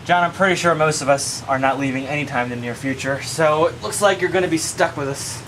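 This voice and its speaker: An actor playing a loyal, hot-headed police sergeant who talks bluntly and curses. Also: male voice, a little high, close to an everyday voice. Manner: quick, blunt, profane. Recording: distant mic, noisy with rain.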